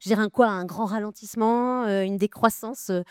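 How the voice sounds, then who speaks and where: A woman's voice: mid-range voice, a little fast, a little mellow, smooth, no echo, studio quality. A woman moderating a debate, asking long questions with many filler sounds.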